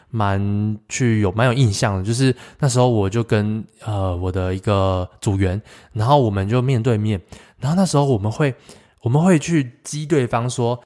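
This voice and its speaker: A young adult man hosting a solo podcast, telling a personal story in a reflective way, often pausing and restarting his sentences. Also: mid-range voice, a little mellow. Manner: reflective, halting with many fillers and restarts. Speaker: podcast host.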